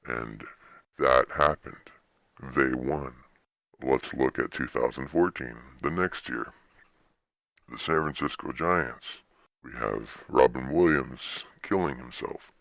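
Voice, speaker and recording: Young male sports host, extremely deep, dry close sound, informal and meandering solo commentary. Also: takes it slowly, gravelly, a bit bright, no room sound. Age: young adult.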